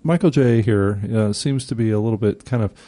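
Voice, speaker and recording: Casting note: mellow male co-host, halting and contrarian. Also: on the low side. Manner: hesitant, restarts, contrarian. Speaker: podcast co-host. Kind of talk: casual TV recap chat.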